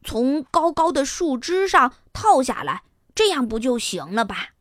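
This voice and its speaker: A woman voicing an eager little male hamster who dreams of being a cowboy, with excited, squealing exclamations. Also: high voice, a little slow, no echo, studio quality. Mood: calling out.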